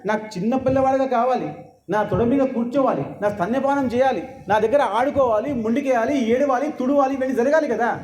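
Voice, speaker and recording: A man's voice: very high-pitched, a little fast, darkish tone. A man voicing a royal mother who pleads with a god to be born as her baby, in a scolding, emphatic way. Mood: teasing. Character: queenly mother asking god for a baby son. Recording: echoey hall with faint ambience.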